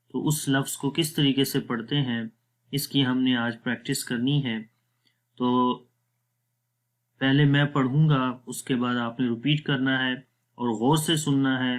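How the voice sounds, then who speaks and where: Male Quran reading tutor with a Pakistani accent, patient and deliberate, drawing out each syllable for students to repeat. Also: mid-range voice. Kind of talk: spelled-out reading lesson.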